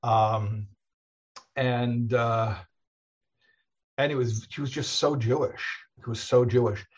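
A rabbi talks through a long, rambling story in a relaxed chat, chuckling and restarting his sentences as he goes. His voice is husky and slightly rough. The recording sounds dull and muffled, as if the highs were cut off. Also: slow. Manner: rambling, animated, chuckles often, many restarts. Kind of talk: casual storytelling conversation.

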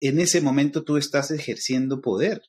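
A man's voice: mid-range voice, moderate pace, darkish tone, a little hiss or hum. A middle-aged man from Lima with a Peruvian accent, explaining ideas to a podcast host in a lecturing way, with frequent fillers like "este". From Peru. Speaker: guest expert on interculturality.

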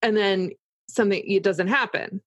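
A woman's voice: medium pitch, normal speed, no echo. A woman in casual, explanatory conversation, talking through examples as if voicing her own thoughts.

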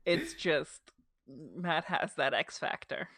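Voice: mid-range voice, expressive, slow, sharp tone, husky, no room sound, studio quality. A podcast co-host with a New Jersey accent, chatting casually and retelling scenes with lots of "like" fillers. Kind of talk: casual chat recapping a show.

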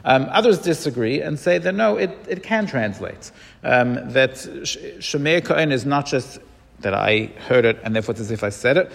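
A man's voice: fairly high pitch, creaky. Man teaching in a reverberant hall. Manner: explanatory, with frequent ums and restarts. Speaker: Torah teacher. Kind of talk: casual halachic lecture.

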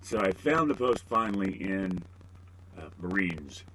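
Rambling, self-mocking podcast host, low voice. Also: male voice, lively intonation, unhurried, fairly bright tone, poor audio. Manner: rambling and self-deprecating, joking asides. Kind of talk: casual solo podcast monologue.

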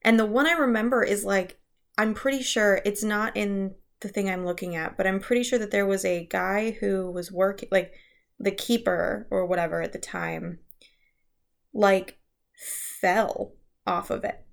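Chatty young woman with a gravelly voice. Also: mid-range voice, fairly even intonation, measured pace. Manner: chatty, many fillers and restarts, laughs at herself. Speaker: podcast co-host. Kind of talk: casual chat telling ghost stories.

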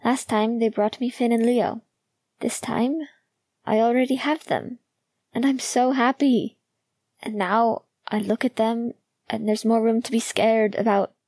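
A woman reading the lines of an anxious young male hockey player in a hesitant, quiet way in an audiobook. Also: a little high, fairly even intonation, measured pace, no echo, studio quality, pitched above the performer's own voice. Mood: worried.

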